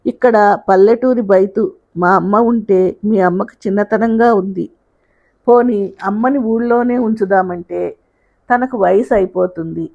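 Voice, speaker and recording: A defiant young wife talks back to her in-laws without softening a word, as a woman reading a story puts her on. The voice sits at a medium pitch. The sound is muffled and lo-fi. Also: measured pace, creaky. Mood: firm. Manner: blunt, cutting. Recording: dull lo-fi sound.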